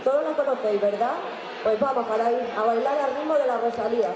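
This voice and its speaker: A woman's voice: fairly high pitch, fairly quick. Spanish woman herald in an echoey crowd. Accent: Spanish from Spain. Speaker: carnival club speaker, festival herald. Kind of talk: herald-like scripted public speech. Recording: echoey, noisy room with crowd.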